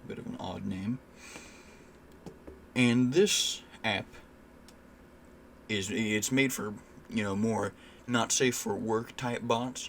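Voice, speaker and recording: A young man rants straight to camera in a casual vlog. His voice sits a little low, and his indignant delivery is loose, full of swearing and filler words. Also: fairly bright tone, slight background noise. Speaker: vlogger.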